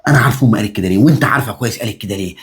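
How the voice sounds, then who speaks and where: A man's voice: on the low side, racing, slightly rough. A man playing a devoted husband and son with an Egyptian accent, earnest and emphatic as he pleads and reasons. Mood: tender. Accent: Egyptian Arabic.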